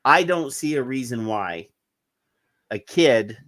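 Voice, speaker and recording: A man's voice: mid-range voice, lively intonation, takes it slowly, fairly bright tone, no echo. A middle-aged man co-hosting a podcast, chatting casually and sarcastically, often restarting his sentences. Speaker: podcast co-host. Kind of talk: casual chat.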